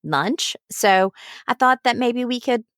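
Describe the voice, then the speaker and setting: A woman's voice: on the high side, lively intonation, takes it slowly, a bit bright, dry recording. Woman podcast host, close dry sound. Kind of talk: scripted introduction, then casual interview chat. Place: clothes closet.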